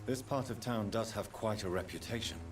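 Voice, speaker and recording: A man's voice: fairly low pitch, brisk, lightly acted. An actor playing a polite, inquisitive male doctor, asking questions in a formal, courteous way. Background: game music.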